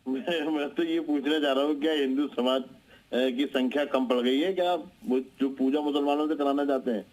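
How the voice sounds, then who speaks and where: A man's voice: medium pitch, steady tone, moderate pace, darkish tone, rough recording. A man speaking as a guest on a TV news debate, combative, often repeating and restarting his words. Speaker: panel guest. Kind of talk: heated TV debate.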